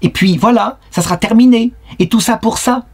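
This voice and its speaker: A man's voice: sits high, moderate pace, a little mellow, husky, pitched above the performer's own voice. A man voicing a stern father who scolds his daughter and worries about his standing in the party. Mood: scolding. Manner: scolding, guilt-tripping. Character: stern middle-aged Soviet-era father, party official.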